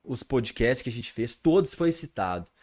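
A man co-hosting a casual podcast, getting animated and louder when worked up. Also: medium pitch, moderate pace. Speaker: podcast co-host.

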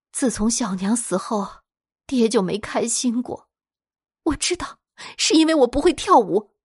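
A woman voicing a jealous, tormented young woman who swings between high cries and breathy whispers. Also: darkish tone, dry recording, studio quality, exaggerated voice.

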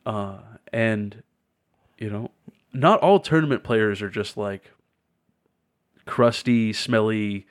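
A man's voice: lowish voice, slow, pauses often. A man co-hosting a casual podcast, talking in an upbeat, chatty way full of fillers. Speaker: podcast co-host.

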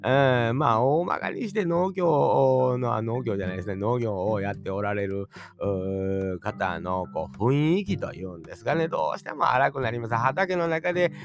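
A man with a Kansai accent hosting a solo podcast, musing in a folksy way that mixes formal endings with dialect and long drawn-out fillers. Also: medium pitch, lively intonation, music in the background. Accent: Kansai Japanese. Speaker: podcast host. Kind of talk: rambling solo podcast monologue.

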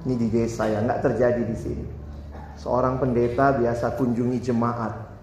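A man's voice: mid-range voice, flat delivery, moderate pace, a little mellow, a little hiss or hum. A man preaching a sermon in a conversational, joking way, often acting out other people. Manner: conversational, joking, acts out voices. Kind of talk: humorous sermon. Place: church hall. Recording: echoey hall with faint ambience.

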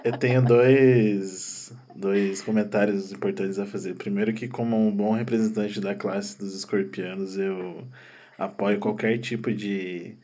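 A man's voice: fairly low pitch, steady tone, unhurried, dark tone. A man in casual podcast chat, speaking playfully and laughing often.

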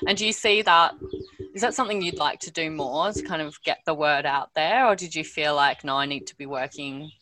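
A woman's voice: low-pitched, a little fast. A woman hosting a casual conversational interview, musing informally and thinking aloud as she goes. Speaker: interview host. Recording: faint background noise and clicks.

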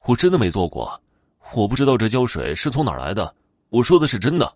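A man's voice: on the low side, lively intonation, normal speed, no room sound, studio quality. Man playing a scared young man. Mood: protesting. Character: frightened young man on a ghost bus.

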